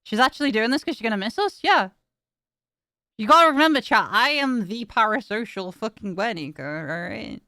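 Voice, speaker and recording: A woman's voice: on the high side, animated, normal speed, bright, forceful tone, no room sound, studio quality. A woman streamer chatting casually with viewers, tired and in pain, talking frankly and swearing now and then.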